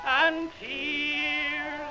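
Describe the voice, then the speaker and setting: A man sings a tender ballad in a high voice, heard from an old wax cylinder gramophone recording. He draws out each phrase very slowly, and music plays clearly under him. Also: little pitch movement. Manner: slow, drawn-out sung phrases. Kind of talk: sentimental ballad singing.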